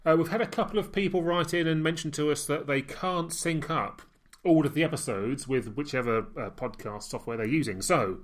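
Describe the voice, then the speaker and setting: A British man co-hosting a chatty history podcast in a voice pitched a touch high. He jokes freely and leans into grand, playful musings. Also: fairly quick. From United Kingdom. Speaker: podcast co-host. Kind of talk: casual podcast banter.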